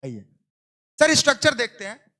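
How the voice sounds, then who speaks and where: A man's voice: extremely high pitch, wildly swooping pitch, moderate pace, pushed and bright. A man teaching a coaching class, keeps firing questions and repeating answers, teasing and scolding sleepy students. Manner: call-and-response questioning; playful scolding. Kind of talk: classroom lecture.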